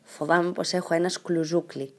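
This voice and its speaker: A woman voicing a bold, cheerful, eccentric little girl in a storybook reading, with a lively, bright and playful manner. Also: fairly low pitch, close to an everyday voice.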